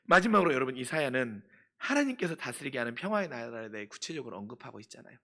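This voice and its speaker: A man preaching a sermon as pastor, putting questions to the congregation and answering them himself, moving from hushed asides to loud impassioned pleading. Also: medium pitch, sing-song, fast.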